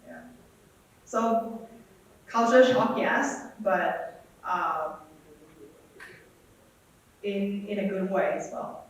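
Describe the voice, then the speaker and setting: A man's voice: high voice, very slow, pauses often, distant mic. Man speaking in an echoey hall. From Thailand. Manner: hesitant, repeats words, many fillers. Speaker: guest speaker. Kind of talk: conference interview answers.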